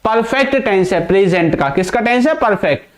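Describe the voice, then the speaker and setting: Brisk and expressive, this young man's high voice carries a classroom-style English grammar lesson in which he repeatedly questions the viewer, answers himself, and speaks English words.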